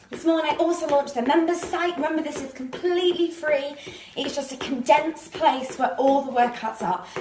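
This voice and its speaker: A woman's voice: sits high, echoey room, background noise. A woman leading a live home workout, chatty and a little out of breath, laughing at her own slips while she demonstrates the moves. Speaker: fitness instructor. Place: living room.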